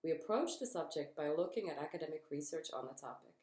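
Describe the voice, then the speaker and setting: A young woman, a student reading her part of a group presentation in a measured, formal way. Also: low-pitched, animated, a little mellow. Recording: echoey room.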